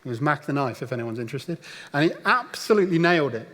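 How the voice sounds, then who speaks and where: A man delivers a sermon as a storyteller, now and then slipping into the voices of the people in his story. His voice sits a little on the higher side. The sound carries the long reverb of a large church hall. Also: expressive, fast, a bit bright. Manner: storytelling, acts out voices of the crowd. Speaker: pastor. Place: church auditorium.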